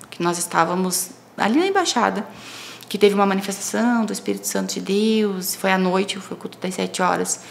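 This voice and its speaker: Brazilian woman with a creaky voice. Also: medium pitch, slight background noise. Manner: expressive storytelling, acting out dialogue. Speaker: podcast guest. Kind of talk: personal faith testimony in casual conversation.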